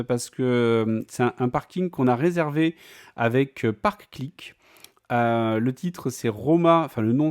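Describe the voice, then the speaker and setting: A man's voice: medium pitch, darkish tone. A man talking casually in a vlog, chatty and full of fillers and restarts. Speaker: vlogger.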